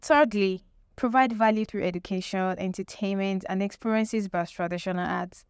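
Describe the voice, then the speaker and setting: A woman's voice: medium pitch, fairly even intonation, moderate pace, clear, resonant tone, dry recording, studio quality. A woman presenting an explanatory lesson with tips, emphatic, repeating key phrases and posing rhetorical questions. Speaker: presenter teaching marketing tips.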